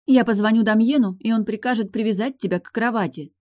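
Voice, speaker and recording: A narrator voicing an angry adult woman who scolds her brother in an audiobook, shouting her lines. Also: mid-range voice, fast talker, voice pushed up, lightly acted. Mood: furious. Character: furious adult woman, bossy sister. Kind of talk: audiobook character voice.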